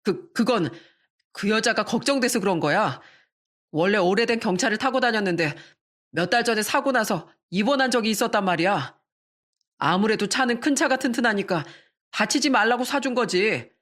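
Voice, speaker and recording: A woman plays a middle-aged husband caught cheating, stammering excuses and sulking back at his wife. The voice sits at an ordinary pitch, closer to the narrator's own than to a deep man's, in a scripted radio story. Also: lively intonation, moderate pace, fairly bright tone. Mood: defensive. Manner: stammering, sulky and defiant.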